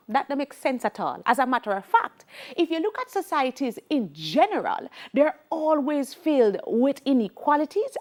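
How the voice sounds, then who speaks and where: Her voice is high, her accent Jamaican, and she is middle-aged, teaching sociology on TV. She stresses and repeats the main ideas emphatically, with occasional Creole phrases mixed in.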